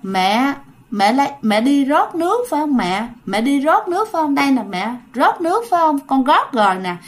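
A woman voicing the ghost of a dead young woman, speaking slowly and softly in a ghost story. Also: sits high, big pitch swings. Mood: eerie. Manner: slow, soft, echoing coaxing.

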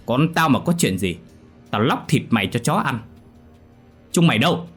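A man's voice: lowish voice, very animated, a little fast, slightly rough, faint music behind. A man voicing a brutal old landowner who growls threats and barks orders at his household. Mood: threatening.

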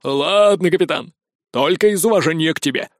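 A man's voice: on the high side, a little fast, dry recording, clean studio sound, lightly acted. A man voicing a boastful century-old pirate parrot in an audiobook, with a brash, squawking manner. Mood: cocky. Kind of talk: audiobook character voice.

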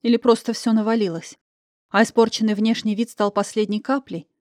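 A woman narrating a first-person novel in a measured, storytelling manner. Her voice sits fairly high, and the recording is dry and close. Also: steady tone, a little mellow, no echo. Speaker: audiobook narrator.

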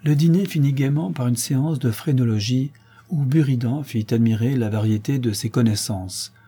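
A man reading a 19th-century novella aloud as an audiobook narrator, with measured, expressive storytelling. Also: mid-range voice, slightly rough.

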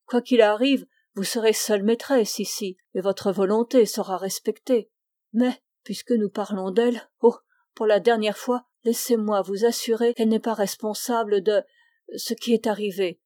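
Femme lisant un jeune homme suppliant et sincère, voix chaleureuse, son sec. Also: female voice, medium pitch, fairly even intonation, moderate pace, warm tone, no room sound, clean studio sound, lightly acted. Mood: earnest. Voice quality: earnest, pleading. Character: anguished pious young man pleading with his mother.

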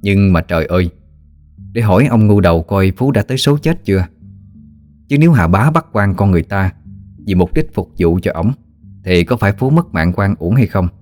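Southern vietnamese guy telling a ghost story, low steady voice, soft music in the back.

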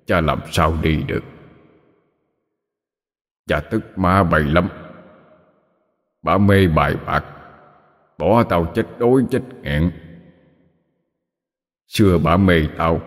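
A man's voice: deep voice, long reverb tail. A man voicing a bitter, self-pitying old male ghost with a Southern Vietnamese accent. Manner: lamenting, scolding.

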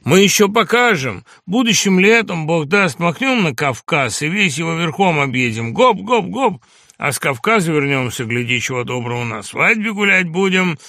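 A man's voice: mid-range voice, animated, brisk, hardly any pauses, pushed and bright, no echo, clean studio sound. A man voicing a jovial, effusive older male postmaster in an audiobook, hearty and exclaiming. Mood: jolly. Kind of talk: audiobook character reading.

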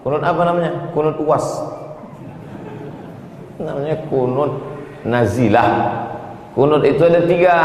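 A man preaches a dawn sermon in a mosque, his fairly high voice ringing through a roomy hall with a long tail of reverb. He lectures in a lively, teasing way, counting points off one by one.

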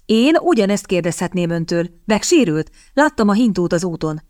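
A woman reading the lines of a composed young gentleman in a firm, commanding way. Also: medium pitch, big pitch swings, no room sound, clean studio sound, close to an everyday voice.

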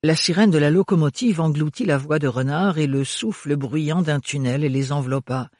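Dry, steady male audiobook narrator. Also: a little high, no echo. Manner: steady, measured reading. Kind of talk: scripted narration.

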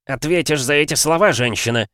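A man's voice: fairly high pitch, steady tone, fairly quick, fairly bright tone, clean tone, no echo, studio quality, pitched above the performer's own voice, lightly acted. A man doing a sneering arrogant young noble. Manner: haughty, sneering, hissing through teeth.

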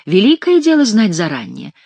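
A woman voicing a mocking, quick-witted male court jester in an audiobook. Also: medium pitch, very animated, darkish tone, no room sound, pitched above the performer's own voice. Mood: scoffing. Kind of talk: audiobook character reading.

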